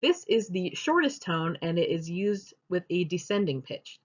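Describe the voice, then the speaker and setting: Young woman presenting, lively pitch, dull sound. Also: normal speed, breathy edge. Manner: explanatory, steady teaching delivery. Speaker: student presenter. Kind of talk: class presentation. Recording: dull lo-fi recording.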